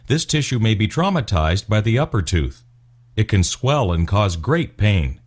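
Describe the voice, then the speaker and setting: A man reading scripted instructional narration as a medical explainer, in a formal, measured, clinical way. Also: lowish voice. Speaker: narrator of dental explainer videos.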